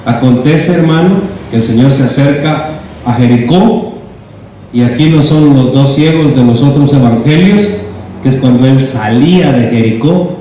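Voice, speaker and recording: A man preaching a Bible-study sermon as pastor, often calling listeners "brother" and rising to loud cries when he quotes. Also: medium pitch, moderate pace. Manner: addresses listeners as "hermano", rises to loud cries when quoting. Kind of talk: expository sermon. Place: church sanctuary. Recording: very echoey church hall from far off, faint noise.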